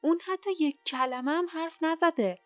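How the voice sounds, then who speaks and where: A woman's voice: very high voice, dry recording, soft background music, pitched above the performer's own voice. A woman voicing a fierce young female fighter who protests angrily. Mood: angry. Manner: shouting, angry protest.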